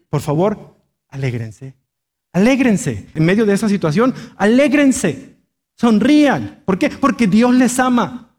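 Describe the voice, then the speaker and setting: High-voiced emphatic male pastor. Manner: emphatic, rhetorical questions, repeats exhortations. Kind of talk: sermon.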